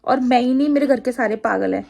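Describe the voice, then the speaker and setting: A woman's voice: fairly high pitch, fast talker, vocal fry, darkish tone. A woman with an Agra-region Hindi accent, chatting casually to camera in a rambling, laughing way. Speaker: vlogger.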